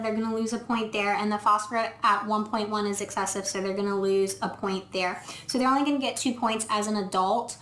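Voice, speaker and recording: A woman's voice: medium pitch, fairly bright tone. Woman, veterinarian, casual on-camera review, thinking aloud, echoey room. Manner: thinks aloud, explaining step by step with frequent ums. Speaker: veterinarian reviewing dog food. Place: indoor room, filming herself. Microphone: camera mic.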